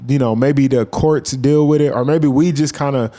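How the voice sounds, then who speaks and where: A man giving casual, profane reaction commentary as a YouTuber, rambling with animated asides. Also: medium pitch, normal speed.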